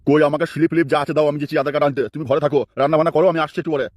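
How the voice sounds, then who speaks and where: Give me a stubborn, suspicious cartoon husband played by a man, quick and highish. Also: little pitch movement, no room sound, natural voice. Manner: nagging, suspicious. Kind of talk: comic cartoon dubbing.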